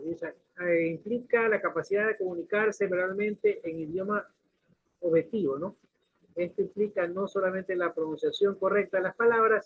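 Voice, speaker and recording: Man lecturing a class, high husky voice, tinny lo-fi recording. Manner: explains with questions and examples, restarts. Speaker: teacher. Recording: lo-fi phone-like recording.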